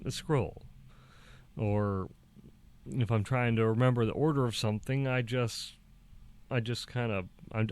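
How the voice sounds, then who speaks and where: A young man talking casually to the camera, halting and restarting, with small laughs between thoughts. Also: medium pitch. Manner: acts out quoted dialogue in a raised voice. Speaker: vlogger.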